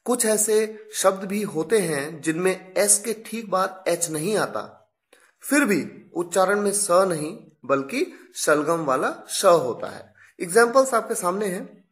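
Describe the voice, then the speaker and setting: A woman's voice: on the low side, lively intonation, a little slow. A woman teaching pronunciation in a video lesson, explaining carefully and repeating each sound for practice. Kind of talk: slow, deliberate classroom explanation.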